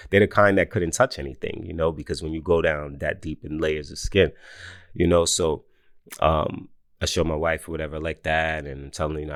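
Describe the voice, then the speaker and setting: A man in his forties telling a casual personal story, animated, often laughing and mimicking others in high voices. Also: dry recording, studio quality. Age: 40s. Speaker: host.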